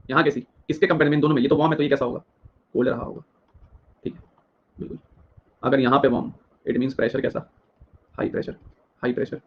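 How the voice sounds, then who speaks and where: A young man with a medium-pitched, slightly rough voice teaches a live exam-prep geography class, captured in lo-fi sound. He fires questions at students, addresses them directly, and rapidly repeats each answer several times.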